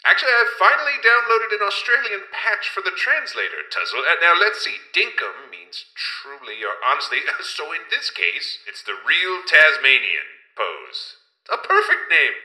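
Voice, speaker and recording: A man as a halting, earnest professor. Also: a little high, big pitch swings, sharp tone, echoey room, full character voice, rough recording. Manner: hesitant, many "uh"s, earnest. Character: fussy, kindly space-station professor running an experiment. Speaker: host. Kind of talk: improvised comedy podcast.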